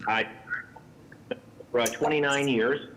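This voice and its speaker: A middle-aged man presenting on a call over a phone line that keeps breaking up and cutting out, his words halting and repeated. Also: mid-range voice, fairly even intonation, a bit bright. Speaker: company president presenting at a meeting. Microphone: phone line on a video call.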